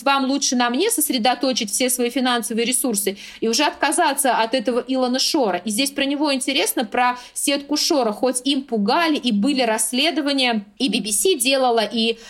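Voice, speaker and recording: A woman giving measured, opinionated political analysis in a talk show conversation. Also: high-pitched. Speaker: political commentator.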